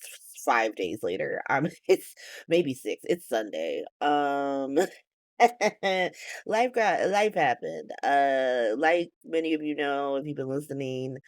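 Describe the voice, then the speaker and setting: A woman in her late thirties hosting a podcast, chatting casually in a rambling, animated way that is full of swearing and laughs, and sounding tired. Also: rumbling low, takes it slowly, dry recording. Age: 30s. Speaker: podcast host. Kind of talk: casual chat recap.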